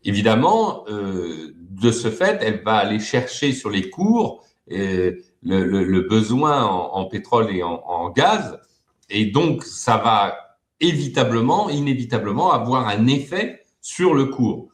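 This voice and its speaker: A man's voice: lowish voice, very animated, unhurried, roomy sound. A man talking as a guest expert in an interview, hesitant, with many fillers and repeated words. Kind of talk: web TV interview.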